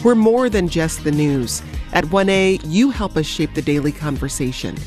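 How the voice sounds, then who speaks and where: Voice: medium pitch, lively intonation, moderate pace, darkish tone, faint music behind. A radio announcer reading a station promo in a polished, upbeat way.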